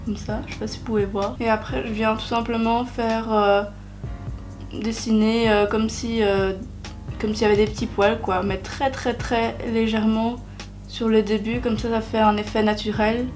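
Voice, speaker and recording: A young woman narrates a makeup tutorial in a chatty, self-mocking way, often pausing on hesitant fillers. Her voice sits a little high. Quiet music plays behind her. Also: little pitch movement. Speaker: beauty vlogger.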